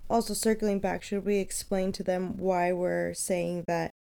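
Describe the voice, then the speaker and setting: A woman co-hosting a podcast who retells film scenes in a lively, chatty way, with lots of "like" and quick "yeah"s. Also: fairly low pitch, vocal fry, clean tone. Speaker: podcast co-host. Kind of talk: casual film discussion.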